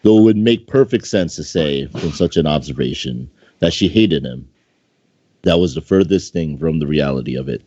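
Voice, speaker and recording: Reading fan fiction in a relaxed, unpolished way, this man stumbles over the words and pauses to comment. His voice is a rumbling, mellow low, expressive and moderately paced, captured on a dull home mic in a roomy space.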